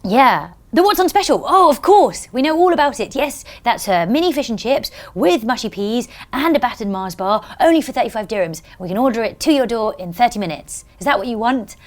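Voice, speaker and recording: A woman's voice: fairly high pitch, expressive, brisk, few pauses, voice pushed up, close to an everyday voice. A woman voicing a breezy, unflustered man taking food orders on the phone.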